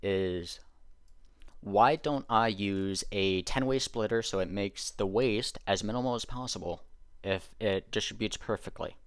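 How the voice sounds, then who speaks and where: A man's voice: on the low side, unhurried, clear, resonant tone, no room sound. A man giving a casual game tutorial, explaining step by step and correcting himself as he goes. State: hiccuping. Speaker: gaming YouTuber.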